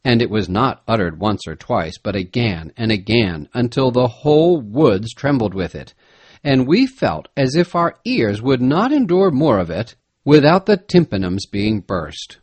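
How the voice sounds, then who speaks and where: A man narrating an adventure story in the first person, reading in an expressive, emphatic way. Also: medium pitch, measured pace, breathy edge, no room sound. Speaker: audiobook narrator.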